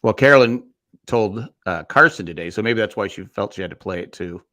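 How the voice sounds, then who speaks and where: A man's voice: on the low side, brisk, sharp tone. A man co-hosting a casual podcast, making wry remarks and often restarting his words. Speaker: podcast co-host. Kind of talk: casual recap chat.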